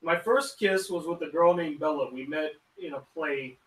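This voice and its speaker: A young man hosting a casual live-stream chat, animated and ranting, with quick asides. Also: fairly high pitch, a crowd in the background. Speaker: host.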